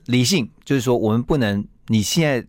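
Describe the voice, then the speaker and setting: A man with a Taiwanese Mandarin accent, a guest on a radio interview, telling a story with lively acted-out quotes. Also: medium pitch, fairly quick, no room sound, clean studio sound. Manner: animated storyteller who acts out quoted lines.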